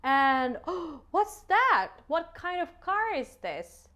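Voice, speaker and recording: A woman with a high, very animated voice talks to a small child as a teacher. She goes very slowly, repeats short phrases and simple questions, and draws out key words. Her manner is encouraging and full of praise. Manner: exaggerated, drawn-out key words. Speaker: English teacher for young children. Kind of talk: interactive children's vocabulary lesson.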